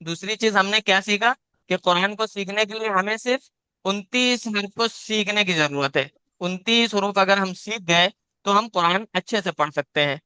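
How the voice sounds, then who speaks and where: Bright, clear-voiced male Quran teacher. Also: high voice, normal speed, no room sound. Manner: patient, repeats points, demonstrates each sound aloud. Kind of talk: live online class, teaching letter sounds. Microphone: video call.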